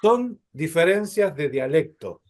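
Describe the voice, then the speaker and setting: A man's voice: on the high side, very animated, takes it slowly, darkish tone. A man teaching a Hebrew class, explaining patiently, calling his listeners brothers and checking often that they follow.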